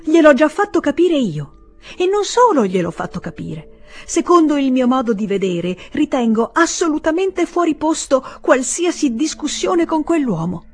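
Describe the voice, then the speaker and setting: Woman reading as a shrill, outraged young woman. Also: sing-song, moderate pace, a little mellow, soft background music. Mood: offended. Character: proud indignant young woman, wounded and defiant.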